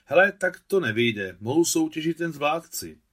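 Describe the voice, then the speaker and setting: A man's voice: a little high, sing-song, fairly bright tone, voice pushed up. A man reading aloud who voices a proud, condescending giant king from a dream. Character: towering ancient conqueror king in a dream, man.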